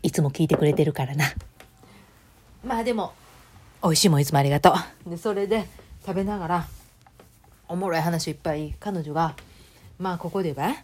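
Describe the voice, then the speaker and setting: A chatty woman with a Kansai accent, talking casually to her listeners as a host. Her voice sits a little low for a woman. She tells stories freely and slips into other people's voices when she quotes them. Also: a little fast, long pauses, a little mellow, slightly rough. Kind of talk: casual chat.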